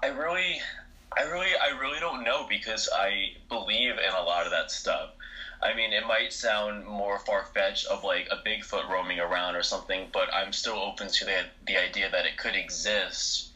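A man from New Jersey co-hosting a podcast, with a lowish voice and a bright, forward tone. He talks in quick, easygoing musings and hedges nearly every claim. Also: poor audio. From New Jersey, USA. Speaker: podcast co-host. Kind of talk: casual chat.

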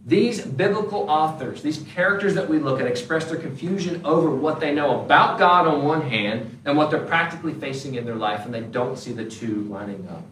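A male pastor preaching a sermon in a conversational, animated way, slipping into quick acted asides. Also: fairly high pitch. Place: church sanctuary. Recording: roomy, distant church recording with faint background noise.

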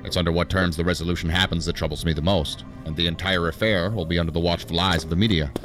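Very deep-voiced senior agency official. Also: male voice, fairly even intonation, fast talker, fairly bright tone, soft background music. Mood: measured, firm. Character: male senior assistant director of a federal agency, dry, authoritative. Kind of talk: science fiction audio drama acting.

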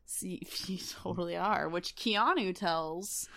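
Bright-voiced teasing woman. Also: on the low side, takes it slowly, gravelly. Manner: teasing, dry quips. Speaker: podcast co-host. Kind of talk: casual comedic chat.

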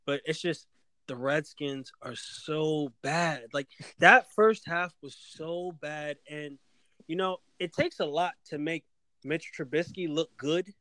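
A man's voice: on the high side, slow pace, pushed and bright, no room sound. A man from the Washington D.C. area co-hosting a sports podcast in casual chat.

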